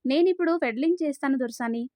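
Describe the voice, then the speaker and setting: Storybook part: blunt young male heir who teases, voiced by a woman narrator in a high register. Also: quick pace, a little mellow, dry recording, clean studio sound, lightly acted. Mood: teasing. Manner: teasing, blunt.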